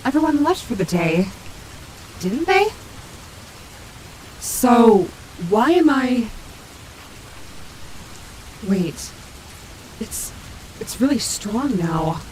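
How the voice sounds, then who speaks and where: Sassy wolf animatronic woman acting, rain behind. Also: a little high. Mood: puzzled, uneasy. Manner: sassy, casual, swearing, muttering asides to herself. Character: female animatronic wolf, vain, sassy, turning protective and maternal. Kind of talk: character audio roleplay, speaking to listener. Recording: heavy rain and thunder noise behind. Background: rainstorm sound effects.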